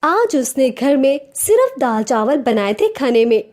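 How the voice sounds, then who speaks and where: High-voiced woman telling a story. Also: measured pace. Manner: plain, steady storytelling. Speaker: narrator. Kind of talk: storybook narration.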